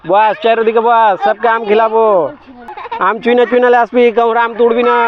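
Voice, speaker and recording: A man's voice: extremely high pitch, flat delivery, brisk, lo-fi sound, crowd noise. A young man from Malda with a local Bengali accent, chatting casually in a vlog from a mango orchard and calling out to friends and kids. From Malda, West Bengal. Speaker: vlogger.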